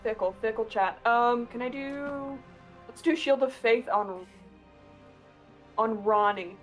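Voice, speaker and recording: A woman's voice: fairly high pitch, takes it slowly, soft background music, low-quality recording. A woman playing a tabletop game online, thinking aloud with hesitant fillers. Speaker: player. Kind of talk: casual tabletop play.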